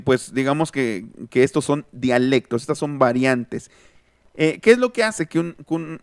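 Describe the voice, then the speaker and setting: Teaching linguistics in an online class, a man with a Mexican Spanish accent thinks aloud and stops to read out and reply to student comments. His mid-range voice is smooth and resonant. It's recorded dry on a close mic, with no echo or room sound.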